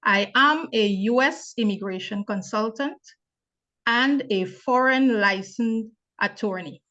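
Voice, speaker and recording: A young woman from Guyana, hosting and moderating a webinar on a video call, speaking in a measured, formal way. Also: on the high side, bright, forceful tone. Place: home or office on video call. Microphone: laptop mic on video call. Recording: dull lo-fi video call audio.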